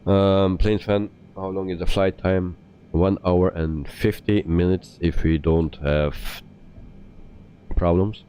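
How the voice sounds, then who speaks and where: A Belgian man offers casual commentary as he livestreams a flight simulator, his voice mellow, steady and slow. The mic sounds muffled, and a faint aircraft engine rumble runs underneath.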